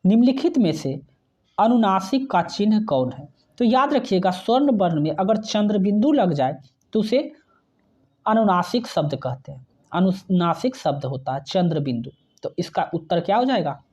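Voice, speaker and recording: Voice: mid-range voice, big pitch swings, normal speed, dark tone, highs cut off. A teacher giving an exam-prep grammar lesson, who spells out sounds one by one and often checks in with the viewer.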